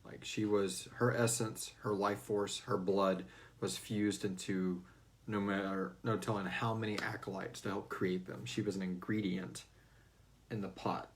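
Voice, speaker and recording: The voice is low-leaning and level, a little slow, with slight background noise. It belongs to a man hosting a fan Q&A, casually answering listener questions with jokes and coarse language.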